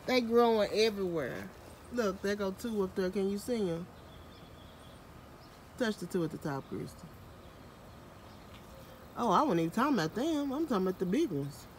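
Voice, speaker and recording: With long pauses and a moderate pace, a woman in the mid-range of pitch speaks expressively while touring her garden outdoors on a handheld phone camera. She's a home gardener and vlogger whose chatty, self-deprecating banter is sprinkled with Southern US slang, recorded with slight background noise.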